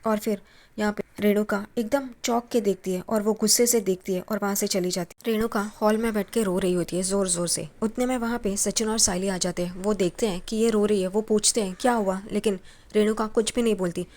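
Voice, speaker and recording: A woman's voice: mid-range voice, steady tone, brisk, darkish tone. A woman casually retelling a TV serial episode, jumping into the characters' quoted lines with a raised voice. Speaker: TV serial recap narrator. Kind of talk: casual spoken episode recap.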